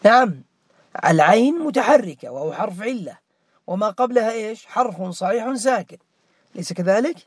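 A man's voice: high voice, lively intonation, normal speed, breathy edge, dry recording, studio quality. A man teaching morphology, questioning students by name and repeating key words as a drill. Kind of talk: interactive grammar lesson.

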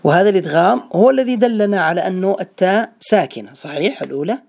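A male teacher speaks quickly through a gravelly, creaky voice. He is patient with his students. He keeps asking questions to check that they follow. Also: high voice, animated, a little mellow. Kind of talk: teaching a small online class.

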